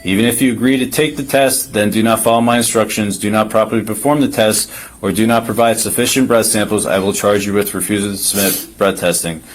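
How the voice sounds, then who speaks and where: A man's voice: fairly low pitch, fairly even intonation, brisk, poor audio. A male police officer formally reading out a legal form and giving firm, insistent instructions. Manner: procedural, insistent. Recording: body camera with faint noise.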